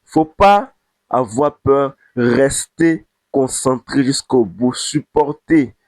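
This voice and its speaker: A man's voice: mid-range voice, slow, no room sound. A man, giving an impassioned football commentary to camera and repeating phrases for emphasis. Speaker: football vlogger.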